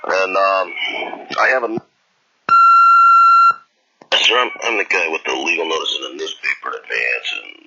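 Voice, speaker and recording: A man's voice: low voice, moderate pace, pauses often, very noisy. An older man leaving a long, rambling, disjointed answering machine message, repeating himself. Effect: answering machine message recording. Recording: muffled lo-fi answering machine tape.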